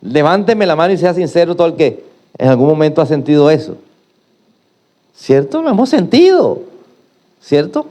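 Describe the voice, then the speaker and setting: A man's voice: fairly high pitch, normal speed, pauses often, mellow. A middle-aged male pastor preaching a sermon, emphatic and prompting the congregation to repeat after him.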